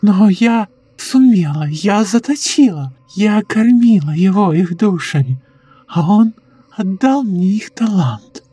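A man voicing a sly, sinister old woman who speaks in a slow, eerily calm coo in a horror audiobook. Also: high voice, slightly rough, no room sound, pitched above the performer's own voice, full character voice. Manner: slow cooing, sinister giggles.

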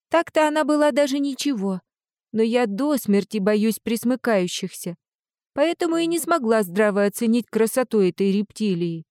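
A woman narrating a first-person fantasy audiobook in an expressive, lively way. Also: on the high side, dry recording, clean studio sound.

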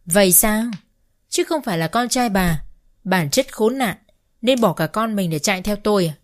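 A woman's voice: medium pitch, expressive, normal speed, natural voice. A cold, defiant young wife who has the money and knows it, voiced by a woman narrator. Her retorts are cutting and contemptuous. The character comes from an audio storybook. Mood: cool contempt.

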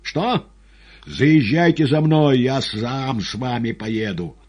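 A man's voice: mid-range voice, big pitch swings, a little slow, darkish tone, breathy edge, pitched above the performer's own voice, exaggerated voice. A man voicing a frantic young male poet in an audiobook, agitated and insistent. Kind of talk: audiobook character voice.

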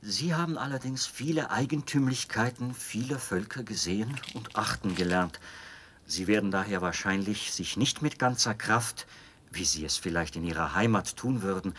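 In a German radio drama, an actor plays a fervent, fanatically devoted officer, pressing his case with insistent, theatrical persuasion. His male voice is husky and on the low side, pushed and bright, and the mood is insistent and scheming.

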